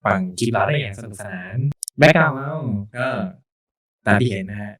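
Male podcast host, lower register, casual, joking chat. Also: a little fast, a bit bright.

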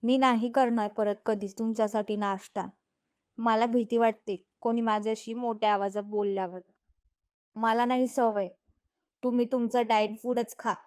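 A woman voicing a timid young wife in an audio story reading, soft-spoken and hesitant, with a fairly high voice. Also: steady tone, moderate pace, clean tone, natural voice. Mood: hurt.

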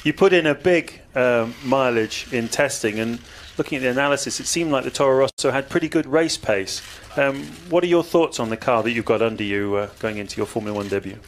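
Fast-talking male interviewer. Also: medium pitch, a little hiss or hum. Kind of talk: press interview questions.

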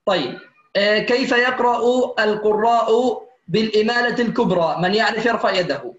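A man teaching a Quran recitation class online, patiently calling his students dear ones and slowly modelling examples. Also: sits high, echoey room, lo-fi sound, a little hiss or hum. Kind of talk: online tajweed lesson.

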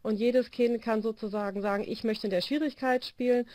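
Her voice on the high side and steady, going a little fast with a slightly mellow quality, a forties-aged volleyball coach explains her training method. The recording is dry, made in a small indoor room during a video call interview with her phone to her ear, and she relies on many hesitation fillers.

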